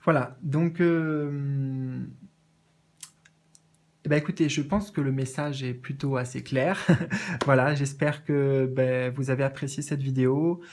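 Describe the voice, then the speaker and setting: A man doing a casual spiritual card reading, earnest and gentle, with many fillers and restarts. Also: mid-range voice, steady tone, slow pace. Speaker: medium reading oracle cards.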